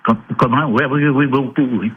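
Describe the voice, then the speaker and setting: A man's voice: medium pitch, fairly even intonation, moderate pace, noisy background. Man calling in, muffled through a tube. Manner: brief, easygoing answers. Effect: muffled phone line, as if through a tube. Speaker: radio quiz caller.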